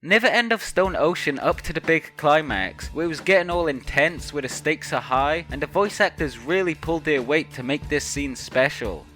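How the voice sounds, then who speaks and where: A man's voice: fairly high pitch, lively intonation, normal speed, few pauses, pushed and bright. A man narrating a scripted opinion piece as a video essayist. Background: music.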